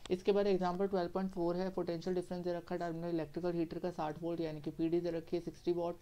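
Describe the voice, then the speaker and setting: A male teacher lectures in a mellow, warm voice. He works through each step methodically, asks questions and answers them himself, and keeps checking that the class is following. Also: high-pitched, monotone, racing, dull audio. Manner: repeats "theek hai" to check understanding. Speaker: science teacher.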